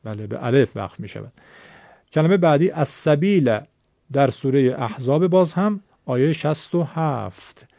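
A man's voice: mid-range voice, lively intonation, gravelly, dark tone, no room sound, muffled recording. A man teaching Quran recitation in a recorded lesson, explaining rules patiently and drawing out example words to demonstrate them.

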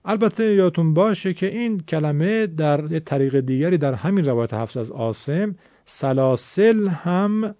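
A man's voice: a little high, expressive, warm tone, no room sound, muffled recording. A man teaching Quran recitation in a recorded lesson, explaining rules patiently and drawing out example words to demonstrate them.

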